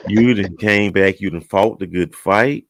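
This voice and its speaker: A man hosting a dating show, encouraging his guest with steady "mm-hmm"s and questions. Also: low voice, a little slow, creaky, dry recording, studio quality. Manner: encouraging, frequent "mm-hmm" backchannels. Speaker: host. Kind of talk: interviewing a guest.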